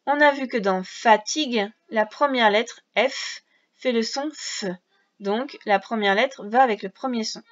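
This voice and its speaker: A woman's voice: fairly high pitch, unhurried. A woman teaching a reading lesson to young children, patiently sounding out syllables and letters one by one. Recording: dull lo-fi sound.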